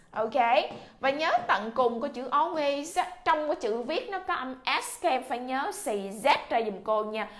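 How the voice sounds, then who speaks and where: High-voiced Vietnamese woman teaching English. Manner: drills sounds with repetition, coaxing. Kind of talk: classroom pronunciation lesson.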